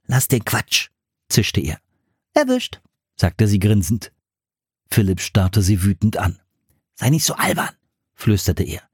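A man narrating a children's story in an expressive storytelling way. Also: on the low side, slightly rough, no room sound, studio quality. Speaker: audiobook narrator.

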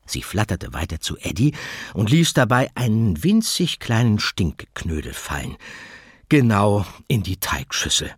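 A man narrating a children's audiobook in an expressive storytelling manner. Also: fairly low pitch, measured pace, husky, no echo, clean studio sound.

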